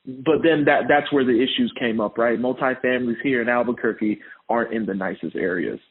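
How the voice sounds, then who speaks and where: A man's voice: medium pitch, brisk, slightly rough. A man from Honduras, a podcast guest, chatting casually and laughing often as he tells his story. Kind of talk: casual interview chat. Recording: tinny phone-like line.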